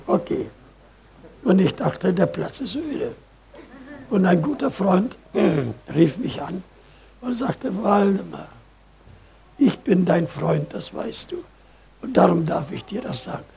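An older man preaching a sermon, telling stories in a lively way, booming for emphasis and then dropping to quiet asides. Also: gravelly.

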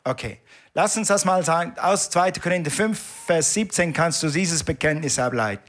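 Emphatic male preacher, slightly high voice. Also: lively intonation, normal speed, a bit bright. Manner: emphatic, repetitive call-and-response preaching. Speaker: pastor. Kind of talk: sermon.

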